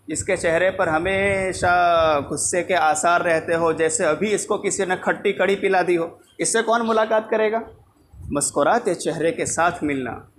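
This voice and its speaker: High-voiced man preaching a Friday sermon. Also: slight background noise. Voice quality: clears throat now and then. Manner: emphatic, repeats key lines for the congregation. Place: mosque.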